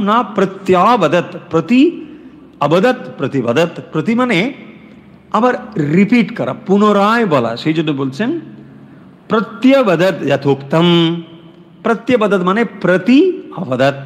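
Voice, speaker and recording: A man teaching a scripture class. He explains Sanskrit verses word by word and slows down when he recites them. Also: high voice. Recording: long reverb in a hall.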